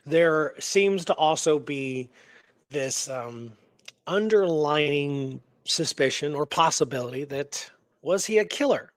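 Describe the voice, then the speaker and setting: Speaking slowly and expressively in a voice on the high side, a man co-hosts a history talk show and recounts a true story. He reads from notes with emphasis and tosses in conversational asides, radio-style. No echo is audible.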